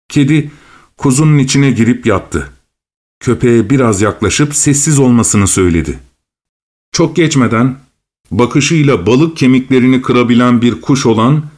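A man narrating a fairy tale as a storybook reading, measured and expressive. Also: mid-range voice.

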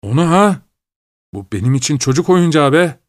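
A man voicing a boastful, proud young soldier in an audiobook, speaking in a cocky, taunting way and pitched a bit above his own reading voice. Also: lively intonation, moderate pace, dry recording, clean studio sound, close to an everyday voice.

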